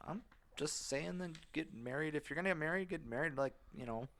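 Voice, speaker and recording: A man's voice: on the high side, fairly quick, a bit bright. A young man co-hosting a gaming podcast, joking around and laughing often in casual chat. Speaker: podcast co-host.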